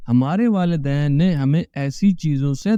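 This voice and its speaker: A man's voice: on the high side, dark tone, clear, resonant tone, no echo, voice pushed down, lightly acted. A man voicing a worried, loyal young female fairy in a cartoon story, pleading and anxious. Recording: dull lo-fi dry recording.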